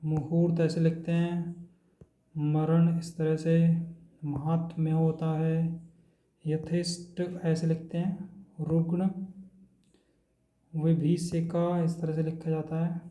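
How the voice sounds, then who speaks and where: A man teaching an exam-prep lesson, going through words one by one in a steady drilling way. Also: a little high, slow pace, long pauses, roomy sound.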